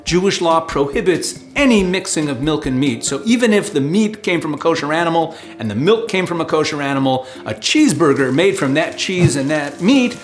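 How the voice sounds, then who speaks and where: A man speaking as a rabbi in a scripted explainer, teaching in a clear, didactic, step-by-step manner. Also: fairly high pitch, animated, brisk, hardly any pauses. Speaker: rabbi answering questions. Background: background music.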